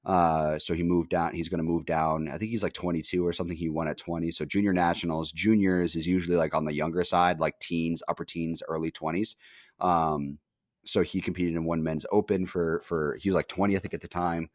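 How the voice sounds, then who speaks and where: A man's voice: low-pitched, little pitch movement, a little fast, no room sound, studio quality. A young man hosting a podcast, telling a rambling story in casual chat, full of fillers and casual swearing. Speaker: podcast host.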